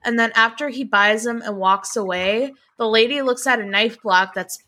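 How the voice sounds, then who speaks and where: A woman co-hosting a podcast in loose, casual chat, with a bright, fairly high voice. She talks in an animated, exasperated way, laughing often and swearing freely. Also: moderate pace.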